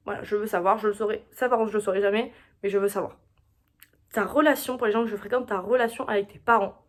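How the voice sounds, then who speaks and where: A young woman hosting a solo podcast, chatting casually and confidingly, often coming back to the same phrase. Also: mid-range voice. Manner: chatty, confiding, repeats herself. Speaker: podcast host.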